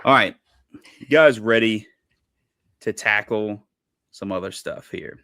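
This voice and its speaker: A man's voice: fairly low pitch, slow, sharp tone, smooth, dry recording, clean studio sound. A man co-hosting a sports podcast, chatting casually and rambling with lots of fillers. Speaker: podcast co-host. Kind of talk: casual chat.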